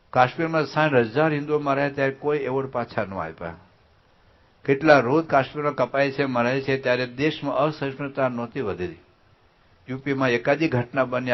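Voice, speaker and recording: A man from Kathiawar, a swami giving a sermon to children. He asks them the same questions again and again and pushes them to answer loudly. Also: mid-range voice. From Kathiawar, Gujarat. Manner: drills the crowd with repeated questions, urging them to answer loudly. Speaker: swami preacher. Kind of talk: call-and-response sermon to children. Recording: dull, lo-fi sound.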